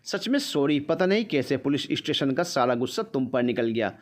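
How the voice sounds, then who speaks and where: A man voicing a quick-tempered young husband who coaxes his wife. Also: mid-range voice, sing-song, natural voice. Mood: coaxing. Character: young husband, hot-tempered then apologetic.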